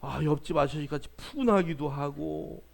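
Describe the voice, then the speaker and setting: A man's voice: a little high, normal speed, creaky. A male pastor preaching a sermon in church, joking with the congregation and urging them on. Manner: playful, jokes with the congregation; exhorting, calls out to the congregation.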